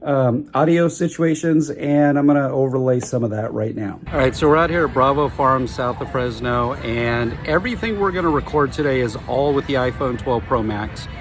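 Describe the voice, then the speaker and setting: A man reviews a camera outdoors at a busy roadside eatery, with traffic and chatter around him, recorded on a phone's built-in mic. His mid-range voice moves at normal speed with hardly any pauses, and he's casual and plain-spoken, correcting himself as he goes.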